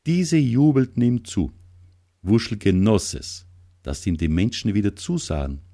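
Low, slow-reading male storyteller. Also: animated, vocal fry, warm tone. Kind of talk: children's storybook narration.

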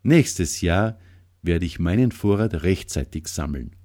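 A man voicing an excitable little male squirrel in a storybook reading, with a chirpy, eager manner. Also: low voice, a little slow. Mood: grateful.

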